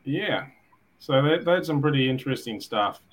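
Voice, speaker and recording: A man's voice: medium pitch, expressive, moderate pace, a little hiss or hum. A man co-hosting a casual chat show, talking in an informal way. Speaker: co-host.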